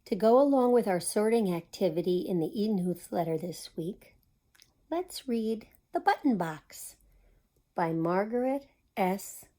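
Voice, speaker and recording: Reading a picture book to kids at a community library storytime, this woman speaks in a mid-range, dark-toned voice that's animated and a touch slow. She's expressive and adds small remarks aimed at the children.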